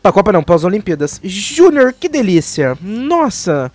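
A man's voice: high voice, big pitch swings, normal speed, darkish tone. A man with a Brazilian Portuguese accent hosting a casual podcast chat, playful and teasing, often calling his co-host by full name.

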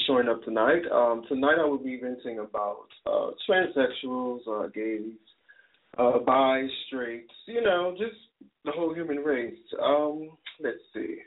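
A man's voice: medium pitch, animated, a little slow. A man hosting a call-in talk show, ranting in a profane, rambling way with many fillers. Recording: tinny phone line.

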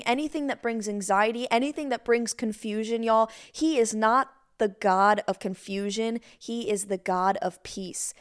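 A young woman hosts a casual faith podcast in a fairly high voice. She talks in an excitable, chatty way and keeps addressing her listeners as y'all. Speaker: podcast host.

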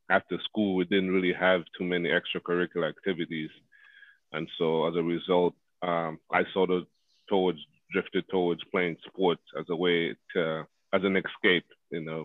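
A man with a very low, monotone voice tells his answers in a loose, meandering way full of "uh" and "you know." The sound is thin and phone-like, and the room around him is completely dry. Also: no room sound. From Zambia. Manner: rambling, many fillers. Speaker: guest, former pro basketball player. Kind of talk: casual interview answers. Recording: phone-like call audio.

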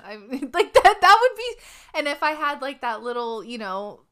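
A woman's voice: high voice, normal speed. A woman from Los Angeles with a Chicano American accent, chatting casually and animatedly with lots of "like". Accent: Chicano American English accent from Los Angeles. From Los Angeles, USA. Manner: animated, uses "like" very often. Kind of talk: casual chat.

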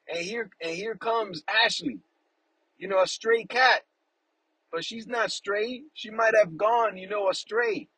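This podcast host is a man with a high, slightly rough voice, captured in a dry recording of poor quality. He rambles affectionately through a casual faith talk, grows warmly emotional about family, and keeps asking "you know what I'm saying?"

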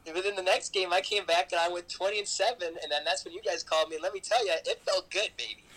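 A man's voice: high-pitched, fairly even intonation, fast, pushed and bright, rough recording. A young man in casual gaming banter, slangy and playfully boastful. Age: young adult.

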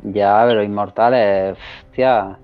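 A man hosting a casual chat, talking excitedly and rambling, with lots of restarts and filler questions. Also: on the low side, slow pace, soft background music. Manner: excited, rambling, repeats himself often. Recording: dull lo-fi recording.

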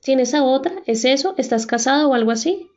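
A woman's voice: sits high, animated, fairly quick, darkish tone. A woman reading the part of a jealous, passionate young woman in prison, pleading and insistent. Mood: suspicious. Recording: dull lo-fi recording.

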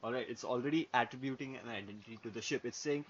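Speaking fast at a medium pitch, this man is a podcast co-host in a laid-back philosophical conversation. He hesitates a lot and leans on "yeah" and "okay," and the recording is muffled, lo-fi, and noisy in the background.

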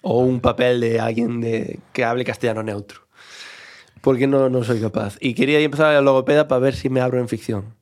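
A comedian, chatting expressively as a podcast guest. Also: male voice, mid-range voice, steady tone, brisk, darkish tone. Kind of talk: casual chat.

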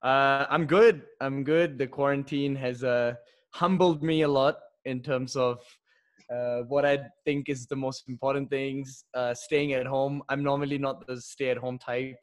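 A man's voice: mid-range voice, steady tone, measured pace. A man who grew up in India and Singapore, a podcast guest talking fluently and laughing easily. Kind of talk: casual podcast chat.

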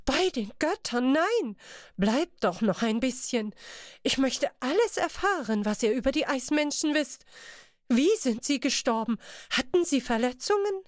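Lady putting on a squeaky snooty merchant guy, shrill and huffy, dry close sound. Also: very animated, a little slow, dry recording. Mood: indignant, fussy. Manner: shrill and indignant. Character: fussy, haughty high-voiced male merchant. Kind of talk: audiobook character voice.

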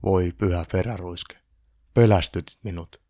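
A man voicing an unflappable old Santa Claus who speaks calmly and deliberately. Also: deep voice, no room sound, clean studio sound. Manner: calm and deliberate.

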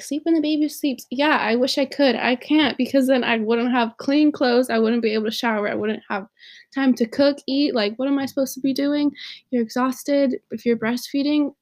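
A woman's voice: fairly high pitch, darkish tone. A young woman hosting a podcast, chatting candidly and joking, laughing often. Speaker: podcast host. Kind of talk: casual chat.

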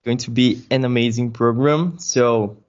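A man's voice: medium pitch, fairly even intonation, unhurried. A man hosting a podcast, introducing his guest with enthusiasm and loose phrasing. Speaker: host. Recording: muffled lo-fi audio.

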